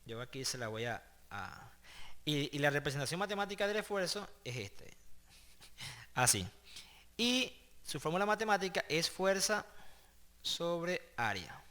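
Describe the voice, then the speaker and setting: A man's voice: a little high, big pitch swings, measured pace, pauses often, pushed and bright. A man teaching an online class. He talks in a conversational way, checks in often with the students and explains step by step, sometimes restarting a phrase. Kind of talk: online class lecture with prayer.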